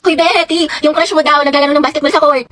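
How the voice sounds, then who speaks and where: A woman's voice: sits high, fairly even intonation, fast, noisy background. A woman from the Philippines acting in comedy skits, talking in a giddy, gossipy, teasing way, with music playing under her voice. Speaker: comedy skit performer. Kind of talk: comedic skit dialogue.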